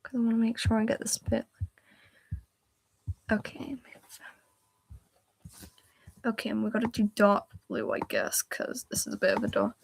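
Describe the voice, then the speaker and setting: Live-streaming as she draws on her laptop, a woman chats casually and narrates each step, often trailing off mid-thought. Her fairly high voice is brisk, gravelly, and slightly rough, with big pitch swings, picked up by the laptop mic with no echo.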